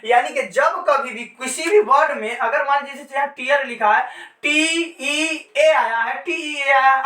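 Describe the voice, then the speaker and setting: A woman with a high, bright and forceful voice teaches English pronunciation in a patient classroom-style lesson. She repeats her points and poses questions to herself before answering them. The recording is echoey, captured from a distance.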